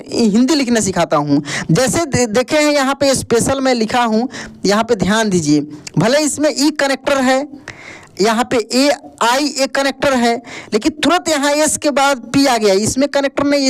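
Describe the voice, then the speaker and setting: A man teaches an online English spelling lesson in a high voice. He spells each word out letter by letter, keeps telling the viewer to pay attention, and calls them friend. He often asks a question and answers it himself. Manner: repeats "ध्यान दीजिएगा" and calls viewers friend.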